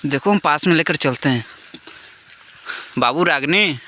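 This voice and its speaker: A man with a high, bright voice leads a spooky exploration vlog. He keeps calling out nervously, pleading with an unseen spirit inside an abandoned hut at night, and a faint hiss sits under his voice. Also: animated, measured pace. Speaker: ghost-hunting vlogger.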